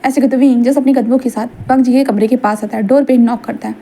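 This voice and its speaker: A woman reading out a fan fiction story in a casual, chatty way, pausing to explain and repeat points and mixing English words into Hindi. Her voice is high-pitched yet dark and mellow. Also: steady tone.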